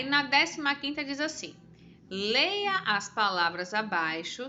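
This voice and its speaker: A woman's voice: on the high side, bright, forceful tone, highs cut off, slight background noise. A woman with a Brazilian Portuguese accent, a teacher patiently walking her pupils through a test with encouraging, chatty asides.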